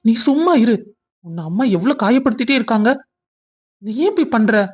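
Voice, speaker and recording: Brief: mid-pitched cartoon husband with a Kongu Tamil accent, protective and pleading, acted by one performer. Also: very animated, fairly quick, a little mellow. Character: earnest young husband, defending his wife. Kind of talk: cartoon family drama voice acting.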